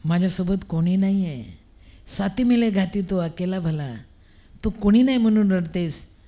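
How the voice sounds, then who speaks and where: A calm, wise spirit of a dead man speaks through the story, as an older woman puts him on. The voice is steady and consoling and stays close to her own voice. It has the feel of a voice heard at a cremation ground. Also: mid-range voice, moderate pace, close to an everyday voice.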